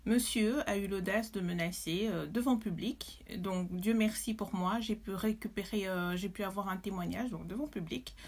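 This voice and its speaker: A woman's voice: medium pitch, normal speed, few pauses. A woman from Belgium, telling her story as a mother, emotional and indignant, with many hesitations. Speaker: mother testifying. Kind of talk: personal testimony to camera.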